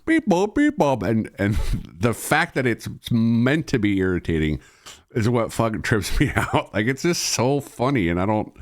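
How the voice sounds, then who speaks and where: A man's voice: fairly low pitch, expressive, normal speed. A man hosting his own stream, chatting casually, rambling and swearing with frequent laughter. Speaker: streamer host. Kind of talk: casual chat.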